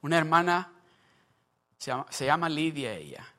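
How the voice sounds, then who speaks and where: A man's voice: fairly high pitch, big pitch swings, moderate pace, bright, forceful tone. A male pastor preaching a sermon, telling a testimony story and acting out its dialogue, then rising into emphatic preaching.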